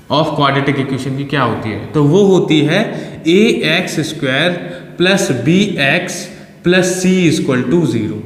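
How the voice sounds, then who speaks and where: Guy teaching maths step by step, bit high voice, roomy echo. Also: a bit bright. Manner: patient, step-by-step explaining, mixing in English terms. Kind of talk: board lesson explanation. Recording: echoey room with long reverb.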